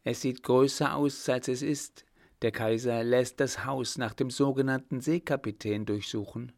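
A man's voice: medium pitch, fairly even intonation, a little slow, creaky, darkish tone, dry recording, studio quality. A man reading an audiobook voices a worried, genteel mother in a raised voice. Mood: anxious. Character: anxious older mother, genteel woman.

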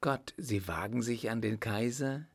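A man's voice: mid-range voice, a little slow, husky. A man voicing a poor, humble widow in a story reading, speaking in a pleading and reverent way.

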